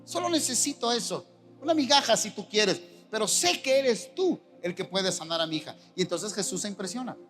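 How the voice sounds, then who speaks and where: High-voiced Mexican pastor preaching over music. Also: male voice, fairly quick. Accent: Mexican Spanish. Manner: animated, acts out quoted voices. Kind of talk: sermon.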